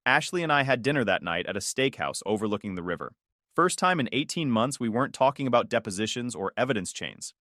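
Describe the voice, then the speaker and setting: Brief: male storyteller, measured and cool, animated inflection, dry mic. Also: mid-range voice, no room sound. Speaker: narrator. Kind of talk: storytime narration.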